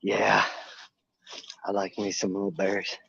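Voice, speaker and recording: A man's voice: fairly low pitch, slow, creaky, slightly rough. A man in his thirties, host of a gardening channel, chatting casually on a phone live stream as he walks around his garden. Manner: relaxed, rambling, chews fruit while talking. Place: outdoors in a home garden. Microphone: phone held in hand. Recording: dull lo-fi phone audio, dry.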